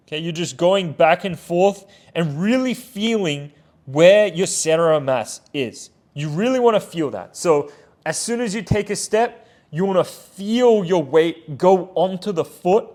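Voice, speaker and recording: A man with a notably high voice talks through training drills as a coaching voice-over. His tone is explanatory, and he often pauses to check in with a quick "right?" or "okay?". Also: darkish tone. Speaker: pitching coach and channel host. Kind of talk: instructional voice-over.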